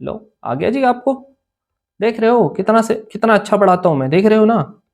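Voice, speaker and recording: A man's voice: high voice, animated, normal speed, darkish tone. A young man teaching English grammar for an exam in casual Hindi mixed with English, often checking whether students follow. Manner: chatty, asks students "clear?" often. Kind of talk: informal Hindi-English lesson.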